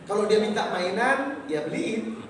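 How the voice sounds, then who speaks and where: A man's voice: high voice, measured pace. A man preaching in a mosque, telling stories, reciting verses and putting questions to his audience. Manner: lively storytelling, quotes verses and questions the audience. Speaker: Islamic preacher. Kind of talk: sermon. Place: mosque hall. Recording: echoey mosque hall from far off, noisy.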